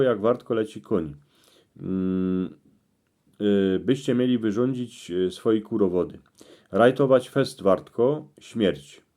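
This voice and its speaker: A man with a Cieszyn Silesian accent reading out interpretations in dialect, in terse phrases with pauses. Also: lowish voice, warm tone. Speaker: presenter explaining dream meanings.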